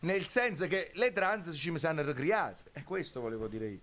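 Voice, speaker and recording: Radio prank host: Neapolitan man, slightly high register, casual phone banter. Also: lively intonation, moderate pace, a bit bright.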